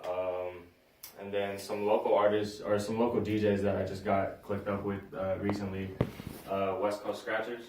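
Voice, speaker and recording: A young San Diego man, a guest DJ, speaks in a casual interview with a fairly low, slightly mellow voice that barely shifts in pitch, at normal speed. He's laid-back and slangy with lots of fillers. The recording sounds roomy, with the mic at a distance, faint ambience and slight background noise.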